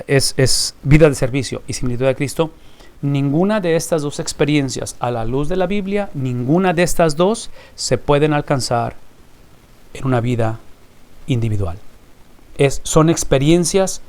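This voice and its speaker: A man's voice: a little high, darkish tone. A man teaching a recorded Bible class, emphatic and fond of rhetorical questions he answers himself.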